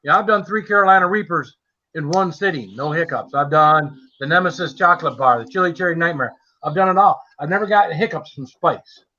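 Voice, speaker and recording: A man's voice: a little high, fairly quick, bright, forceful tone, a little hiss or hum. A man hosting a casual livestream chat in a chummy, self-deprecating way. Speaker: livestream host. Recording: dull lo-fi stream audio.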